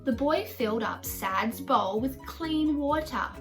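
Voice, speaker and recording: A woman's voice: high-pitched, animated, takes it slowly, faint music behind. A woman storyteller reading a picture book aloud to children in a simple, child-directed way.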